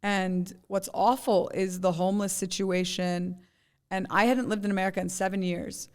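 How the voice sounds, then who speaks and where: A woman's voice: mid-range voice, level tone, normal speed. Give me a woman entrepreneur in her thirties chatting on a podcast, telling stories in an easy, casual way. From Jordan, raised in New York. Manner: chatty storyteller, says "like" and "right?". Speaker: guest entrepreneur. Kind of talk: casual conversation.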